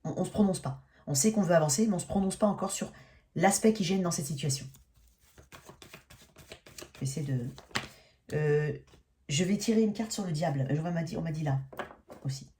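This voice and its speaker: A woman, a tarot reader, speaks with a fairly low voice. Her tone is mellow and dark. She talks in a casual, halting way, restarting phrases and tagging them with "hein" as she reads the cards. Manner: hesitant, many restarts and tag "hein". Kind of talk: casual tarot reading to camera.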